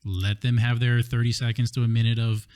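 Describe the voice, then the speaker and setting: A man from Hawaii hosting a podcast, a former police officer, talking in a relaxed, reflective way with lots of fillers. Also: medium pitch, fairly quick, clear, resonant tone. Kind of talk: casual podcast conversation. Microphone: studio microphone.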